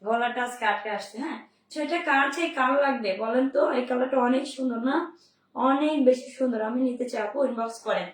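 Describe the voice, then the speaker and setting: A hoarse young woman, running a live sales stream with upbeat, repeated pitches. Her voice sits a little high and sounds roomy, picked up from a step away from the mic. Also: fast talker, far from the mic. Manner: upbeat, repetitive selling calls to viewers. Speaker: online clothing seller.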